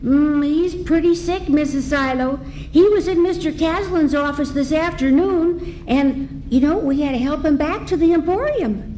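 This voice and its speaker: A woman's voice: high voice, moderate pace, few pauses, warm tone, close to an everyday voice, poor audio. A woman playing an eager, wholesome young orphan girl in an old-time radio serial, earnest and folksy. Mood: earnest, cheerful. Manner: folksy, earnest, chipper exclamations. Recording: faint background noise, live event.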